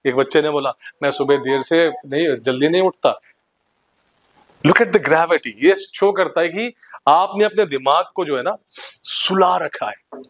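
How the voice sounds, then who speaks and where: A young man giving a motivational seminar talk to students in an institute hall, energetic and teasing, ordering the crowd about. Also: a little high, measured pace. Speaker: motivational speaker.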